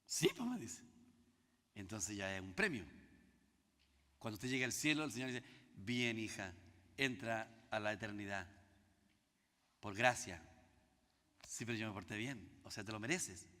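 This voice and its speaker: A man's voice: fairly low pitch, a little slow, pauses often, big-room sound. A Chilean man preaching as a pastor, teaching through a story and acting out both sides of the dialogue. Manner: animated, acts out dialogue in quoted voices. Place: church.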